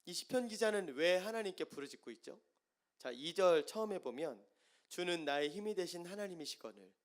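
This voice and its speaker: A male pastor delivers a sermon in a fairly high voice that rises and falls a great deal. He moves between quiet, careful explanation and loud, impassioned pleading. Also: expressive, moderate pace.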